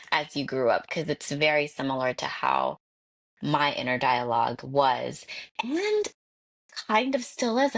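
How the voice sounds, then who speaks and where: A woman hosting a podcast interview, affirming her guest with frequent murmurs of agreement. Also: deep voice. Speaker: podcast host. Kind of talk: interview talk.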